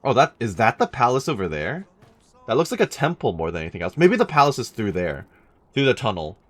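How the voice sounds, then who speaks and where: A man's voice: medium pitch, big pitch swings, fairly quick. A man commentating casually as he plays a game, thinking aloud in a dry way. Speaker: gaming let's-player.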